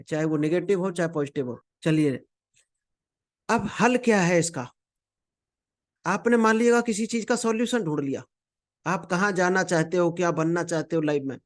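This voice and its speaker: A man delivers a motivational training talk over slides. His voice sits high for a man, and he keeps it conversational, addressing listeners as a friend and slipping in English phrases.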